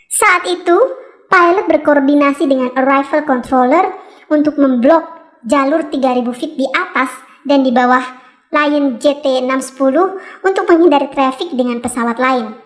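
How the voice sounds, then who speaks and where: A woman's voice: high voice, normal speed. A woman reading scripted documentary narration as the narrator.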